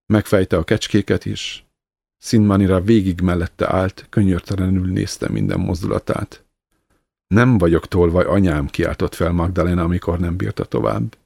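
Mély, recsegő hangú férfi mesélő. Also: male voice, low voice, vocal fry, dry recording. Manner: calm, measured reading. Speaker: narrator. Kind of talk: scripted narration of a literary story.

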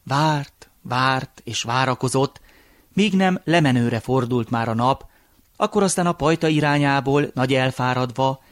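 A man telling a folk tale at an unhurried, measured pace. His voice is mid-pitched, and the recording is dry and close with no room sound. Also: dry recording. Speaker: storyteller.

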